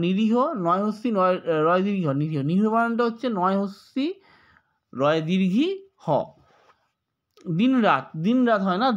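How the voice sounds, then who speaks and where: A man with a Bengali accent teaching a spelling lesson, slowly spelling out words letter by letter and repeating the corrections. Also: high voice, fairly bright tone, dull audio. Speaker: exam tutor.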